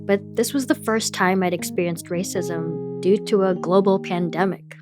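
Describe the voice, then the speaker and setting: A woman's voice: fairly low pitch, fairly even intonation, normal speed, over music. A woman hosting a podcast, telling a personal story in candid, scripted narration. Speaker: podcast host.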